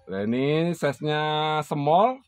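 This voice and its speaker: A man's voice: a little high, sing-song, slow, a little mellow, soft background music. A man with a Javanese Indonesian accent giving a casual sales presentation as host, repeating prices and names for viewers. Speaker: host reviewing bonsai for sale. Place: outdoors in a plant yard.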